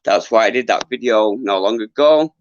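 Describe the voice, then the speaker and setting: A middle-aged man who is losing his voice, chatting casually to viewers on a livestream in an earnest, halting, rambling way. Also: on the low side, slight background noise. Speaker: livestream host, former boxer. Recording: dull lo-fi livestream audio.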